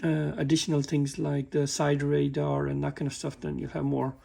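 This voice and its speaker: A man walking through a car repair in a halting, casual way, often stumbling and restarting his sentences. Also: fairly high pitch, monotone, vocal fry, mellow. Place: workshop with a work table.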